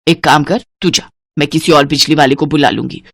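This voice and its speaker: A woman doing a bossy penny-pinching older mother-in-law, scolding tone, low voice, dry close sound, cartoon story. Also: fairly even intonation, a little fast, breathy edge, no room sound. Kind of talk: cartoon voice acting.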